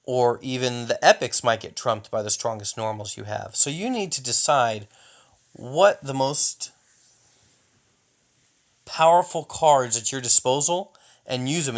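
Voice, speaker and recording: A man's voice: mid-range voice, a little slow. A young man giving jokey, hyped-up commentary while showing replays of a mobile strategy game, often mock-taunting an imagined opponent. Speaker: gaming YouTuber.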